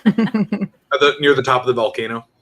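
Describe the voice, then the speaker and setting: A man with a medium-pitched voice runs a tabletop role-playing game. He narrates casually, prompting the players with questions. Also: sing-song, measured pace. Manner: conversational, directing players with questions. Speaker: game master.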